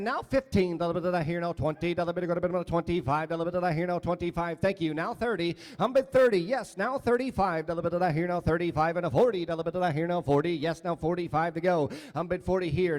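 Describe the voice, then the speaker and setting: High-pitched male auctioneer chanting bids. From Michigan, USA. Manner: repetitive filler phrases between numbers. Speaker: auctioneer, contest finalist. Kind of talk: auctioneer chant, rapid rhythmic bid calling.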